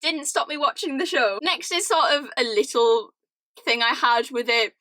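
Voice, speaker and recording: A young British woman ranting casually to camera, animated and laughing often, with lots of "like". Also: sits high, normal speed, no room sound. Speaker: vlogger. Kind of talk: casual chatty rant to camera.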